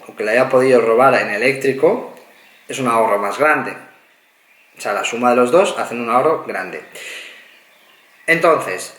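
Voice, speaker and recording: A man's voice: medium pitch, a bit bright. A man from Spain giving a casual car review, talking through figures step by step with many asides. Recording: echoey room.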